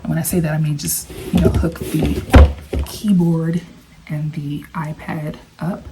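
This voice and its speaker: A young woman doctoral student chatting in a casual vlog, excited and grateful, laughing often and sometimes whispering in a library study room. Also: low-pitched, measured pace, very noisy. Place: walking outdoors, then a library study room.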